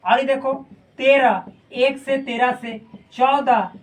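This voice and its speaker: A high-pitched woman teacher walks through a maths lesson, counting out numbers as she writes. She teases her students with slang and rhymes and keeps the tone light and joking. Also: slow. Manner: playful, teasing, rhyming asides and slang while explaining. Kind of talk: classroom lesson video.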